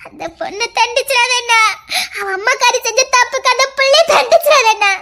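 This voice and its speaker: A woman with a Tirunelveli accent playing a gentle younger sister who earnestly implores her brother. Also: very high-pitched, fairly quick, exaggerated voice. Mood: anxious, imploring. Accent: Tirunelveli Tamil. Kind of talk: comedy skit drama.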